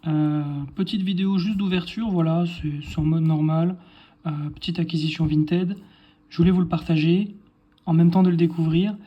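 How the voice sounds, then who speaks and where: A man's voice: fairly high pitch, steady tone, moderate pace, lo-fi sound. A man casually chatting through an unboxing video, thinking aloud and correcting himself as he goes. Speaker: card collector showing a purchase.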